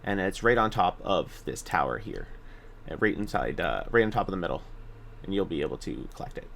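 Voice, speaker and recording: A man narrates a video game walkthrough as a gaming video guide, keeping it casual and informal while hesitating and correcting himself as he gives directions. His deep voice is expressive, brisk, creaky and a bit bright, with slight background noise.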